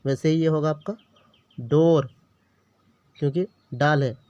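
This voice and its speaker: On the high side and a little mellow, this Urdu teacher's voice is steady and unhurried, with no room sound despite a dull lo-fi recording. He leads a beginner lesson, patiently voicing letters and words one at a time, repeating every word and frequently checking on the learner.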